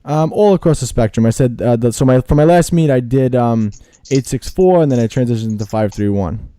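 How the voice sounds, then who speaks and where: A man in his late twenties hosting a casual podcast interview, speaking in a relaxed, matter-of-fact way. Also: medium pitch, brisk, smooth, dry recording. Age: late 20s. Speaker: podcast host.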